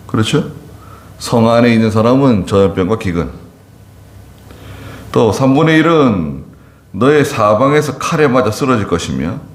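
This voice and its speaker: A male pastor giving an expository sermon, reading scripture and then explaining it slowly, asking the congregation questions. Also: mid-range voice, very animated. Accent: Gyeongsang-Chungcheong border dialect roots. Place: church sanctuary. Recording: roomy church echo.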